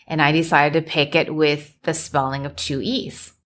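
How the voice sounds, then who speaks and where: A woman with a notably low voice hosts a solo podcast on a microphone. Measured and deliberate, she stacks her ideas into emphatic lists as she coaches her listeners. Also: flat delivery, fairly bright tone. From United States. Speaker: podcast host and business coach. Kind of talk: solo motivational podcast talk.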